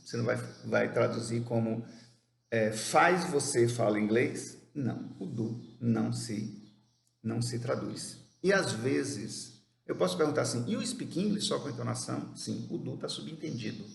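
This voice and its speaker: A man with a mid-range voice and some vocal fry teaches an English grammar lesson step by step, posing questions and answering them himself. He reads the English examples slowly and carefully, and the room is echoey with faint background noise.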